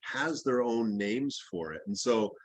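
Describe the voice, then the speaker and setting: A man's voice: medium pitch, lively intonation, unhurried, slight background noise, low-quality recording. A man who grew up in the Bahamas, teaching an herbalism class in a loose, rambling, anecdotal way with plenty of fillers. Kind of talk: casual class discussion.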